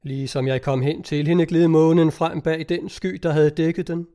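A man reading a story aloud as narrator, in calm, measured scripted narration. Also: on the high side. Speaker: audiobook narrator.

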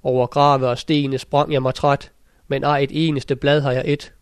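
A man's voice: mid-range voice, little pitch movement, smooth, no room sound, clean studio sound, natural voice. A man voicing a spiteful nanny goat in a fairy tale, reciting her lines as sing-song rhymes. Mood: rhyming, sly. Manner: sing-song rhyming verse. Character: sly, spiteful female goat who tells rhymes. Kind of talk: storybook narration.

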